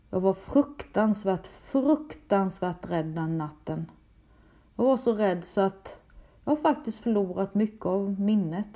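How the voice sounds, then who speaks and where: Swedish-speaking woman, mellow halting testimony. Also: mid-range voice. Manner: halting, emotional retelling with repeated words. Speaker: storyteller recounting a personal experience. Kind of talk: personal testimony.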